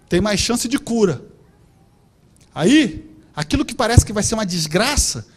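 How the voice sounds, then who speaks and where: A man preaching a sermon as a pastor, telling jokes and stories and shouting asides. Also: high voice. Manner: animated, joking storytelling with shouted asides. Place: church.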